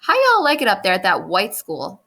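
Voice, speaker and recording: Brief: challenging, teasing teen boy, read by a woman narrator, bright tone. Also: mid-range voice, wildly swooping pitch, normal speed, gravelly, heavily acted. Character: challenging teenage boy from the neighborhood.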